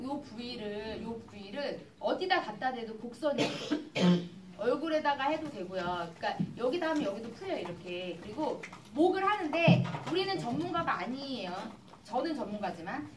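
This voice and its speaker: A woman's voice: sits high, expressive, moderate pace, background noise. A woman presenting and demonstrating skincare to an audience in a hall, chatty and acting out customer exchanges as she tells stories. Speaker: cosmetics business presenter. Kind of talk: live seminar demonstration and storytelling. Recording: echoey hall recorded from far off.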